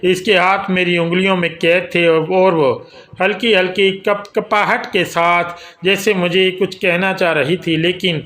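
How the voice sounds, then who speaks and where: A man telling a romantic audio novel in the first person, in steady, scripted storytelling. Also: high-pitched. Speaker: narrator.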